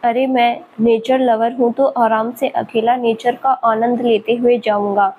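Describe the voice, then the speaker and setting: A teasing young male professor with a light, higher voice , played by a woman reading a storybook. He is playful and mischievous, always poking fun with a grin in his words. Faint background hiss sits under the voice. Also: little pitch movement, a little slow, narrow, tinny audio, close to an everyday voice. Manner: teasing, laughing at her.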